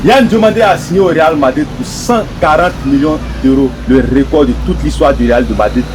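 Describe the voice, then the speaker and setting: A man with a slightly high, somewhat fast voice hosts a football debate show against a noisy background. He introduces the guests and poses long, formal questions.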